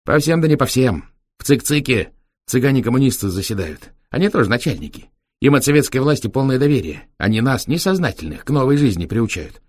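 A cheeky young Roma taxi driver, chattering in sly street slang, as a man reading a storybook plays him. His voice jumps up high and lively above the reader's own. The recording is dry and close. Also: fairly quick, no room sound.

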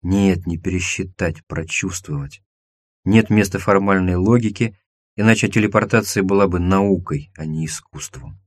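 A man narrating a science-fiction audiobook in a measured, expressive reading. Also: sits low, no echo. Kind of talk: scripted narration.

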